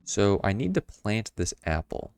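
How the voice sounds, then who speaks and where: Low, gravelly game streamer. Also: male voice, unhurried. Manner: wry, deadpan quips. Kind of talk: casual gameplay commentary.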